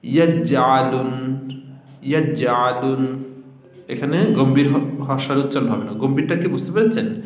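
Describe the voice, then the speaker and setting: Male Quran teacher, mid-pitched, explains rules and chants examples, echoey room. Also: animated, darkish tone. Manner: explains slowly, then chants words in drawn-out recitation. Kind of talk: recorded video lesson.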